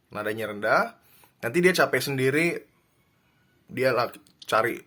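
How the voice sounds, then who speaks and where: Bright-voiced man giving calm advice. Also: medium pitch. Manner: calm, reflective, many fillers and restarts. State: married. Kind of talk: casual advice talk.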